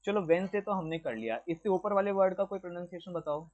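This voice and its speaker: Male teacher, raised pitch, quizzes the room in mixed Hindi and English, muffled lo-fi classroom recording. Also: expressive, fast talker, darkish tone. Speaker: lecturer. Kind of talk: classroom lecture. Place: classroom with a board.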